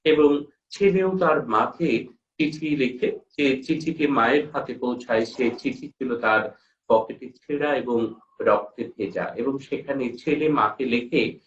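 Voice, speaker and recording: A male teacher giving a lecture on a poem, speaking with a Bangladeshi Bengali accent and pausing often on long "ah" fillers. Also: mid-range voice, slight background noise. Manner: slow, halting, with frequent drawn-out "ah" pauses; reads quoted letters aloud. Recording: echoey room, far mic, dull lo-fi sound.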